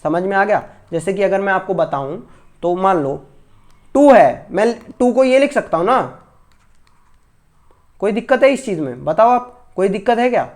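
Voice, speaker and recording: Teaching maths online to children, this man has a high-pitched, slightly mellow voice with lively intonation, normal speed, and long pauses. He is patient and repetitive, addresses the pupils fondly as children, and frequently makes sure they follow.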